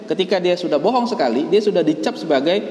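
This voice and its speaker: A man's voice: sits high, expressive, quick pace, darkish tone. A man with an Indonesian accent teaching a religious text, explaining Arabic line by line and telling stories. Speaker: Islamic teacher. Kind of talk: religious study lesson. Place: mosque or pesantren hall. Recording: echoey hall.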